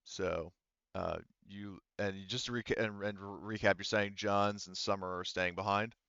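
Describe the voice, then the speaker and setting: Running a tabletop roleplaying session over online voice chat, a game master speaks casually and hesitantly as he thinks aloud. His lowish voice is steady, moderately paced, creaky, fairly bright and smooth. The chat audio is slightly dull and dry, with no room sound.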